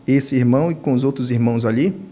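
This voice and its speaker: A man in his thirties with a Brazilian Portuguese accent, a deacon telling his personal testimony on a church podcast, climbing high in pitch when he acts out his own past words. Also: fast. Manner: storytelling, rising to high, animated pitch when quoting himself.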